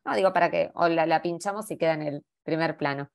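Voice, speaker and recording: Rioplatense woman hosting an online panel, lowish voice, informal, keeping the speakers in order. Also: fast talker, gravelly. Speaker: session moderator. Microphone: video call.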